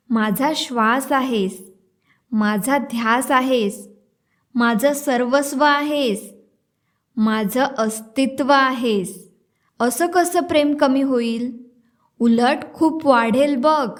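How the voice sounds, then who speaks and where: A woman reading the part of a doting young husband who is a doctor, speaking softly and reassuringly in an audiobook. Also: high voice.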